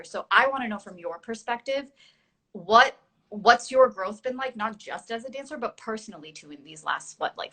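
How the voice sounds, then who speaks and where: A young adult woman who teaches dance hosts a casual online live chat, chatty and full of fillers, laughing at herself now and then. Her voice is medium in pitch with a sharp tone.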